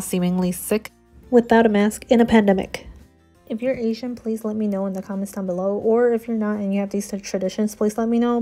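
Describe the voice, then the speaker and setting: A woman's voice: medium pitch, mellow. Chatty young woman narrating a vlog. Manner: chatty, storytelling, candid. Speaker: planner vlogger. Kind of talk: casual voiceover narration. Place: home, voiceover.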